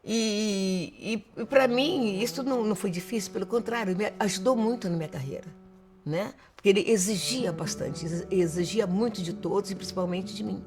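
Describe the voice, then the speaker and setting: An interviewee speaking emphatically, often tagging sentences with a quick question word. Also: mid-range voice, over music. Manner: emphatic, repeats "né". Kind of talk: testimonial interview.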